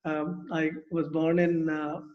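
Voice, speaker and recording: High-voiced man hosting a chat. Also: monotone, takes it slowly, lo-fi sound. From rural India. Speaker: host. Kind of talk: casual conversation.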